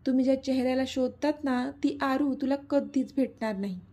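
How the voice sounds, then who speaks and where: A woman's voice: high-pitched, moderate pace, dark tone. A woman voicing a cruel, mocking male villain who taunts and sneers, in a storybook reading. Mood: sneering.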